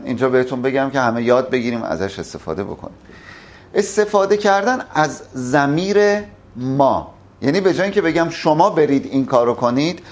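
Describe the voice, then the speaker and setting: A man teaching public speaking at a live workshop, emphatic and addressing the audience directly. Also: medium pitch.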